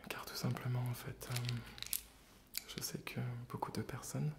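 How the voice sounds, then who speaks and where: Creaky whispering ASMR man, right in your ear. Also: medium pitch, steady tone, moderate pace. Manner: close in the ear, binaural left and right; gentle, soft-spoken. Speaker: ASMR video host. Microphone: close binaural stereo microphones.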